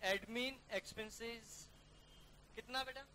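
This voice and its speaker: Male teacher, bright forceful voice, drills a class through a worked problem, faint hiss behind. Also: extremely high pitch, fairly even intonation. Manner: brisk, coaxing students to call out figures; calls students "beta" and "yaar". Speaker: accounting teacher.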